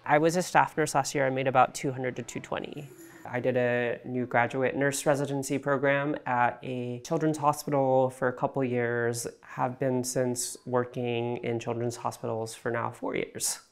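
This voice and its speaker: A man in his twenties, a pediatric ICU nurse, speaking in a measured way in a panel chat. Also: mid-range voice, level tone, smooth. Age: 20s. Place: indoor cafe.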